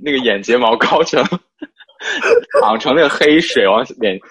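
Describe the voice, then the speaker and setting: A man's voice: medium pitch, animated, normal speed, over a noisy crowd. A man co-hosting a podcast, reacting with teasing remarks in casual chat. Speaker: podcast co-host.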